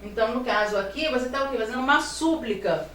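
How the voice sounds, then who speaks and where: A high-pitched woman leads a grammar lesson, posing rhetorical questions and drawing out her examples. She sounds set back from the mic in a roomy space with a faint hum of ambience. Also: lively intonation, a bit bright. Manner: explaining with rhetorical questions, slow stressed examples. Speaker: teacher. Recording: roomy sound from a distance, faint room noise.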